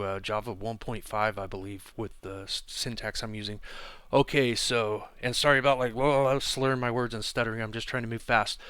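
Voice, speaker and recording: A man's voice: medium pitch, clean tone, dry recording. A man giving a casual screencast coding tutorial, thinking aloud with fillers as he types at his desk. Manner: relaxed, thinking aloud with fillers while typing. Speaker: programming instructor.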